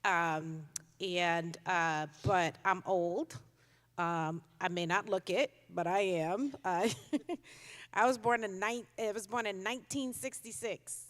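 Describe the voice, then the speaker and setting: Delivering a conference keynote in a conversational style full of ums, this Connecticut child welfare commissioner in her fifties speaks slowly in a mid-range, fairly bright voice. The large hall with its audience gives the recording a long reverb.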